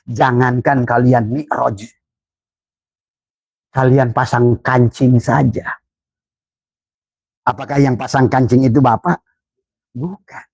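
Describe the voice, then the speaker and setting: A man with an Indonesian accent, giving an emphatic Islamic sermon as a religious teacher, his pitch often climbing for emphasis. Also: a little mellow, husky, dry recording. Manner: preaching with rising emphatic pitch.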